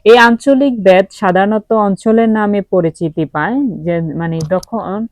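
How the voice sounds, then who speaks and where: A woman's voice: medium pitch, a little slow, dry recording. A woman from Comilla, Bangladesh, teaching a grammar lesson. She often asks a question and then answers it herself, with many fillers along the way.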